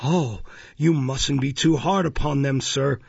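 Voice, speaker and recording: A man voicing a fawning, flustered middle-aged woman caretaker who coaxes and flatters. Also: mid-range voice, a little slow, vocal fry, slightly rough, no room sound, lo-fi sound, full character voice. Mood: coaxing. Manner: fawning, coaxing.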